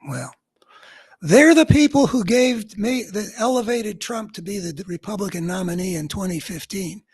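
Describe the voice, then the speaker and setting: Man, husky voice, radio host, political commentary monologue, earnest, thinking aloud, winding sentences. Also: high voice, animated, moderate pace, darkish tone.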